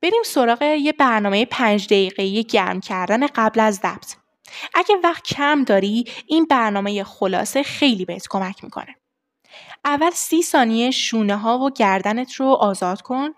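A young adult woman voice coach giving a lesson on vocal warm-ups, explaining steps and demonstrating the exercises herself. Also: a little high, lively intonation. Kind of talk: voice training lesson.

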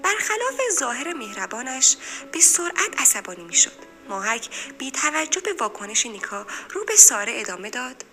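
A woman narrating a story in an expressive storytelling manner. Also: fairly high pitch, faint music behind.

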